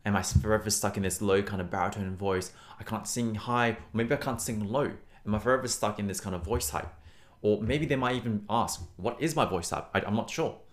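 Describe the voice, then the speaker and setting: A voice teacher and host gives listeners a conversational singing lesson in a lowish, fairly quick male voice. He sounds encouraging, emphatic, and reassuring.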